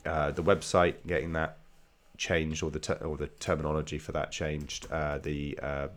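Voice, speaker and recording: A man's voice: extremely low pitch, level tone, normal speed. A man with a nasal, stuffed-up voice from a slight cold, talking casually as a podcast host.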